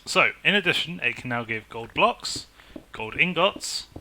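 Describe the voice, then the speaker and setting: A man commentating his own game, excitable and chatty as he talks himself through it. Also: fairly high pitch, unhurried, slight background noise. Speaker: gaming YouTuber. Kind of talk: casual Minecraft let's play commentary.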